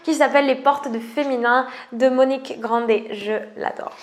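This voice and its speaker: Casting: bubbly French wellness coach, high voice, casual vlog chat. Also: female voice, fairly even intonation, normal speed. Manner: enthusiastic and gushing, laughs often. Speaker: wellness coach presenting oracle cards.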